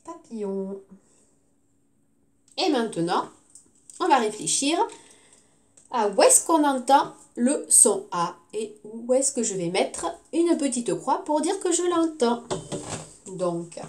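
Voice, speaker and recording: A woman's voice: on the high side, very animated, a little mellow. A woman teacher giving a recorded phonics lesson to young children, sounding out words syllable by syllable. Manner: slow, clearly articulated syllables.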